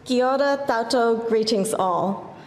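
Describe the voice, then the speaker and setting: A woman's voice: on the high side, measured pace, some chatter behind, a little hiss or hum. Earnest woman giving an award speech. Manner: earnest, encouraging, opens with a formal greeting in Māori. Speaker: award judge and presenter. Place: large event hall. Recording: echoey hall with long reverb.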